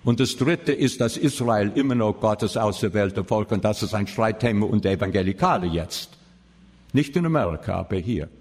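Male pastor, husky low voice, passionate sermon, loud then soft, long hall reverb. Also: lively intonation, normal speed.

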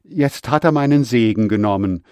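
A man voicing a bitter, desperate elder son in a scripture reading, his pitch lifting as he pleads. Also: normal speed, dark tone, clear, resonant tone, dry recording, clean studio sound, lightly acted.

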